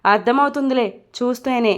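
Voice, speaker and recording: A woman voicing a calm young male friend who scolds and patiently explains, read in a storybook. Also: a little high, fairly quick, close to an everyday voice. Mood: reproachful. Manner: reproachful, explaining.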